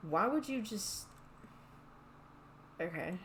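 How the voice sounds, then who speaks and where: A woman's voice: medium pitch, lively intonation, slow, noisy background. A woman streaming a game with casual commentary, hesitantly thinking aloud as she goes.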